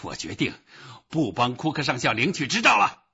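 A man's voice: mid-range voice, huge pitch swings, slow pace, pushed and bright, breathy edge, full character voice. A man voicing an exasperated middle-aged man who insists and grows short-tempered. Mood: angry. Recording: dull lo-fi recording.

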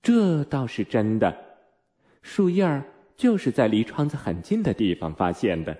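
Gentle puzzled mother, voiced by a man. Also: mid-range voice, sing-song, a little slow. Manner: tender, questioning.

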